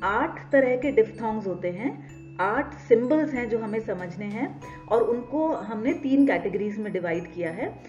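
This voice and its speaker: A woman's voice: on the high side, animated, a little slow. A woman with an Indian accent teaching English phonetics, patiently explaining and repeating example words. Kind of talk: explanatory lesson, mixing Hindi and English. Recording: slightly dull lo-fi recording with soft background music.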